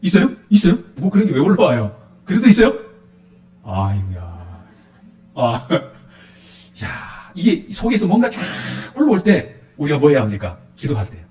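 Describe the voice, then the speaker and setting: Animated preaching man in an echoey hall. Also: fairly high pitch, moderate pace. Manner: animated, asks the congregation questions. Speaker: pastor. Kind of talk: sermon.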